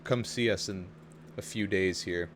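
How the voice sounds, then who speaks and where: A man voicing a gruff, concerned town councilman in a tabletop role-playing game. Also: sits low, unhurried. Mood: earnest, concerned. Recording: clear background noise.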